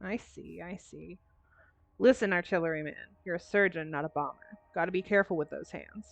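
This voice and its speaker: A woman's voice: on the low side, brisk, creaky. A woman reading a blunt scheming smuggler. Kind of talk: reading game dialogue aloud.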